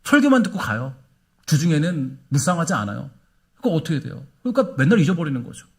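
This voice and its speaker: A man's voice: a little high, sing-song, fast, creaky, husky. A middle-aged male pastor giving a sermon, preaching with rhetorical questions, repetition and light humor. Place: church sanctuary.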